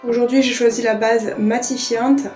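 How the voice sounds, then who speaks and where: Brief: woman beauty vlogger, high bright voice, chatty step-by-step talk, roomy echo. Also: fairly even intonation, moderate pace, soft background music. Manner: chatty, explains each step with fillers. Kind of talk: casual makeup tutorial narration.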